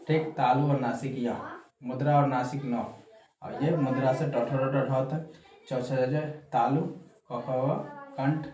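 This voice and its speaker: A man with a Bihari Hindi accent giving a casual exam-prep lesson, repeating points slowly and checking in with the class. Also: mid-range voice, warm tone. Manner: slow, repetitive, frequent "ठीक" check-ins. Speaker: teacher. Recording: roomy echo, faint background noise.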